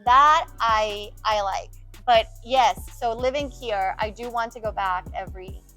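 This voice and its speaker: Animated woman telling quick stories. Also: a little high, faint music behind. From United States. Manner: animated, quick storytelling with emphatic swings. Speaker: guest answering viewer questions. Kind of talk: casual chat.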